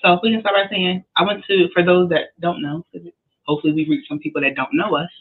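This podcast co-host's voice is on the low side and slightly rough, with a steady tone and a fast pace. She tells casual stories, laughing frequently, over a tinny, phone-like line.

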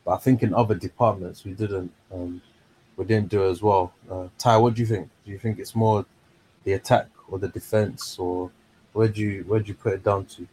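A man's voice: on the low side, fairly even intonation, moderate pace, mellow, a little hiss or hum, poor audio. A man with a London accent hosting a casual discussion in a slangy, conversational way. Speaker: discussion host. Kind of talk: casual chat.

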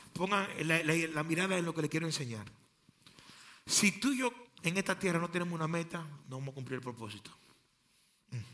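A male pastor preaching an impassioned sermon, swinging between quiet passages and loud outbursts. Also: a little high.

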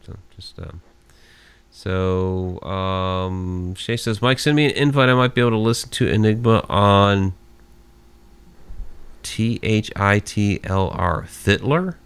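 Gravelly, smooth-voiced man in his forties. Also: fairly low pitch, steady tone, slow pace, a bit bright, dry recording. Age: 40s. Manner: reads out listener names with thanks, easygoing and chatty. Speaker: host of a live internet radio show. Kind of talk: casual live-show sign-off chat.

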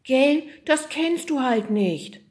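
Woman doing a gentle young girl. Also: medium pitch, moderate pace, pitched above the performer's own voice, natural voice. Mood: caring. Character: kind, soft-hearted young girl.

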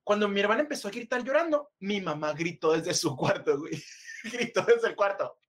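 High-voiced Mexican man telling a scary tale. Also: a little fast. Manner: animated, slangy, laughs often. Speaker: podcast co-host. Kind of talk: casual storytelling.

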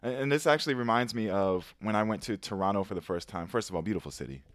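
A man's voice: on the low side, animated, fast, no room sound, studio quality. An American man co-hosting a podcast, telling rambling stories in casual chat with stumbles and restarts. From United States. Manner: rambling storyteller, stumbles and restarts, laughs as he talks. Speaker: podcast co-host.

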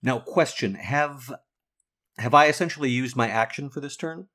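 A man takes his turn in a tabletop game. He speaks at a middle pitch, telling his character's actions like a story and pausing to check rules. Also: pushed and bright.

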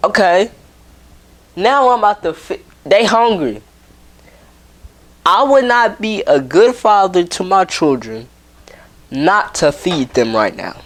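Pastor, male, slow unhurried delivery, casual rambling preaching to camera, breaks off mid-thought. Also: high-pitched, expressive, a bit bright. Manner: rambling, self-interrupting, laughs at himself.

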